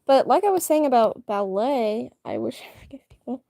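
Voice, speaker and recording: Young female streamer, rambling and chatty, animated pitch, soft mellow tone. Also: normal speed, no echo, studio quality. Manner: rambling, chatty, full of fillers and restarts. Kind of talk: casual live-stream chat.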